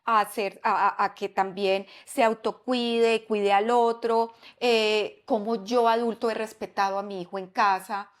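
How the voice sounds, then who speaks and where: A woman's voice: medium pitch, fairly even intonation, unhurried, hardly any pauses. A woman psychologist, explaining parenting ideas in a podcast interview, often asking rhetorical questions. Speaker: psychologist and parenting expert guest.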